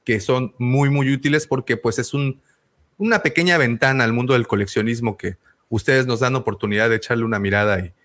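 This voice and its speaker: Rambling Mexican podcast host. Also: male voice, medium pitch, fairly quick, fairly bright tone. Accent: Mexican Spanish. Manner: rambling, full of fillers and restarts. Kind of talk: casual podcast chat.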